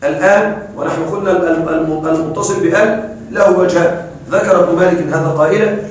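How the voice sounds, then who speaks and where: A male grammar teacher giving a classroom lecture, quizzing his students and reciting verses slowly. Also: high-pitched, steady tone, a little hiss or hum. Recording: echoey room from a distance.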